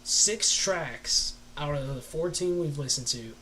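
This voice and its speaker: A man's voice: fairly high pitch, slow, pushed and bright, slight background noise, low-quality recording. A man talking casually on a live stream as he reviews an album, rambling loosely and swearing now and then.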